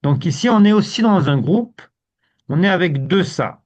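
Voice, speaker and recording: A man teaching a live language lesson to students, in a relaxed way, repeating words and often saying "ok". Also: sits high, normal speed.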